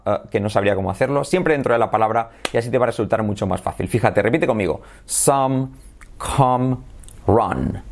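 A man whose first language is Spanish, teaching English pronunciation in a video lesson, who models words slowly and keeps checking in with "¿vale?" and "¿sí?". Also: medium pitch.

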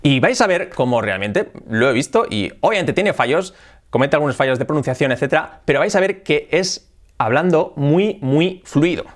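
A man with an accent from Spain teaching in a casual video lesson, switching between Spanish and English, lively, repeating words and ending phrases with "¿ok?". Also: a little high, normal speed.

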